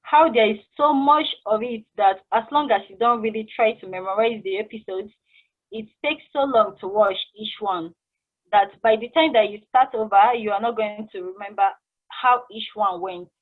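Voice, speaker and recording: During a casual table read of a stage play, a woman voices a friendly, awkward, curious drive-through cashier. Her mid-range, natural voice moves at a moderate pace in a chatty, informal, hesitant way. The audio is muffled and band-limited, like a phone call.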